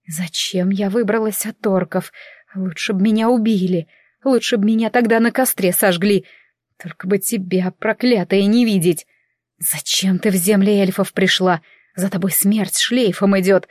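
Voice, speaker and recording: A woman's voice: medium pitch, steady tone, normal speed, darkish tone, no room sound, studio quality, close to an everyday voice. A woman voicing a bitter, hostile young female elf who speaks harshly through gritted teeth in an audiobook.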